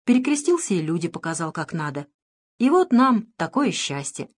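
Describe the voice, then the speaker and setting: A woman's voice: fairly low pitch, very animated, moderate pace. Storybook brief: an earnest young village boy, simple and grateful, read by a woman.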